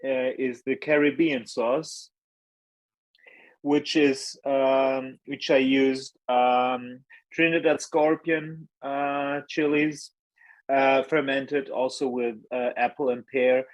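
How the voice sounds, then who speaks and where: A man speaks slowly and hesitantly, filling pauses with ums. His voice sounds dry and close. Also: mid-range voice, little pitch movement, no echo, poor audio. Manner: hesitant, many ums, modest. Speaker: hot sauce maker guest. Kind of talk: casual chat.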